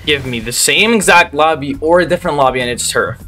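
A young man giving gameplay commentary as a channel host, ranting in exasperation and bursting into loud disbelief. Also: on the high side, a little fast, faint music behind.

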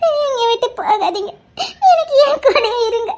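A woman's voice: very high-pitched, lively intonation, moderate pace, background noise. A woman playing a jealous young wife who pleads tearfully with her husband in an amateur audio drama. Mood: tearful pleading. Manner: tearful, pleading, half laughing.

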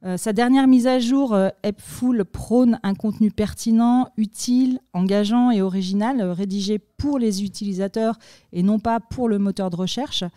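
Woman, podcast explainer, measured, frequent fillers, warm dark tone. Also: mid-range voice, no room sound, clean studio sound. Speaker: content marketing expert on an agency podcast.

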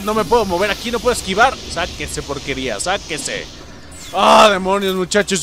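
A young man with a Mexican accent, joking and yelling through a let's play of a video game. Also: fairly high pitch, slight background noise. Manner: excitable, jokey, yells at enemies. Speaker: gaming YouTuber.

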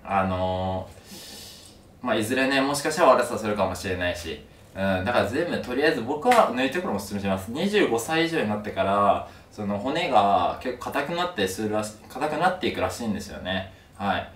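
A young man talks casually to camera with a sore mouth after wisdom tooth surgery. His voice is on the low side and moves quickly. The mic sits at a distance in a room. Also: sing-song, fairly bright tone. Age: young adult. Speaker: video creator. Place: small room at home, indoors. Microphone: camera a few steps away. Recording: roomy, distant mic, some noise.

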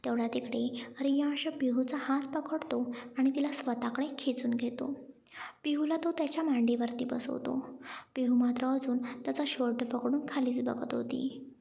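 Soft-voiced woman reading a Marathi story. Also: sits high, steady tone, normal speed, gravelly, lo-fi sound. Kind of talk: scripted story narration with character voices.

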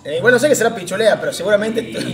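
A man with an Argentine accent streaming slots, talking loudly to his chat with sudden shouted outbursts and lots of slang. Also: high voice, rapid-fire, reverberant, music in the background. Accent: Argentine Spanish. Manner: excitable, loud outbursts and shouting, heavy slang and swearing. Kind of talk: live gambling stream chat.

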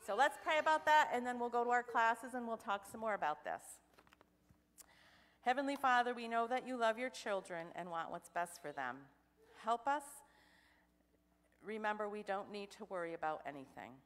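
A young woman giving a children's sermon in church, asking the children questions in an animated way. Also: fairly high pitch, normal speed. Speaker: children's message leader. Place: church sanctuary. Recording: church hall reverb.

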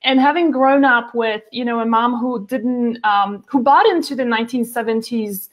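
A woman in her forties with a fairly high voice speaks at a normal pace, though the audio sounds dull. She is a nutrition author appearing as a guest in a casual video call interview, chatting with lots of fillers and restarts. She sits at home by a window, with plants behind her.

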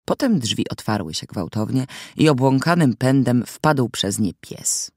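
A man's voice: medium pitch, lively intonation, unhurried, husky, no room sound. A man narrating an audiobook in the first person, in a wry, mock-solemn storytelling manner, recorded in a studio.

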